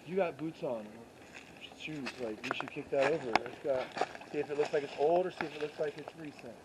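An urban explorer wanders old railroad tracks outside at night, chatting casually and musing aloud with curiosity. His voice is on the high side and fairly quick. The camera mic picks up loud outdoor noise.

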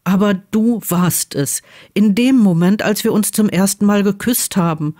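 An earnest, troubled young wizard who speaks in a quiet, insistent way and sometimes pleads, read by a woman in her own natural voice. The tone is mid-pitched and plain, as in a storybook read aloud. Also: unhurried, natural voice. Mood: grave.

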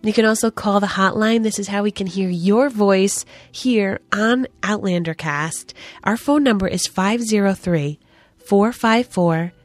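A woman's voice: medium pitch, a little slow, no echo, faint music behind. A young woman with a cold, co-hosting a podcast and reading off contact details in a chatty way. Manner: chatty, thankful, laughing with partner. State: sick, with a cough. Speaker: podcast co-host. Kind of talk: casual podcast outro.

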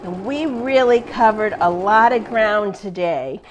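A woman's voice: medium pitch, unhurried, slight background noise. A middle-aged woman teaching a live online quilting class in a chatty, upbeat way, laughing often.

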